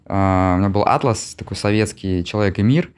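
A man in his forties from Russia, an interview guest who answers reflectively with many pauses and filler sounds. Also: on the low side, darkish tone, clear, resonant tone. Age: 40s. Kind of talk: casual conversation.

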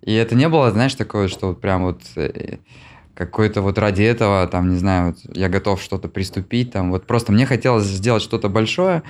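A man in his forties from Russia, an interview guest who answers reflectively with many pauses and filler sounds. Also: lowish voice, darkish tone. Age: 40s. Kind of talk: casual conversation.

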